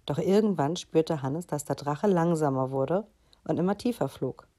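A woman reading a children's story aloud in a soft, unhurried way. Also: sits low.

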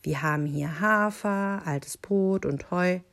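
A woman voicing a small, indignant female sheep with a thin, high, sharp voice. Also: slow, no echo, clean studio sound. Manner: sharp, squeaky outbursts.

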